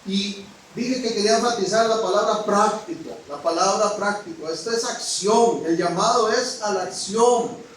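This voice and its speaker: A man preaching a sermon as pastor, frank and direct with his congregation, swinging from loud exclamations down to a hush. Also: sits high, normal speed, slight background noise. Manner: preaching with rising exclamations and sudden drops to a hush. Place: church hall. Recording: echoey hall, mic at a distance.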